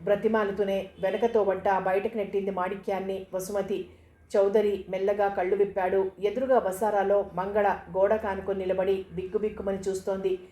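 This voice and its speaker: A woman's voice: mid-range voice, little pitch movement, normal speed, warm tone, roomy sound. A woman narrating a novel, acting out the characters' lines as she reads. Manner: voices the dialogue of the characters. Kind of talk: novel reading.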